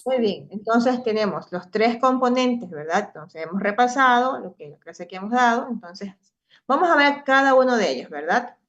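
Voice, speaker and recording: A woman's voice: a little high, lively intonation, normal speed, fairly bright tone. A middle-aged woman teaching a class, explaining step by step and often checking in with her students. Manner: explanatory, often tags ¿verdad?. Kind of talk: online class lecture. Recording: slightly dull lo-fi audio.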